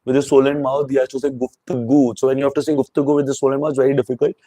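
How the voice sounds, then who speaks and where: A man's voice: mid-range voice, level tone, very fast, dark tone, no room sound, poor audio. A man giving a rambling, opinionated spoken review of a reality show, mixing in Hindi words.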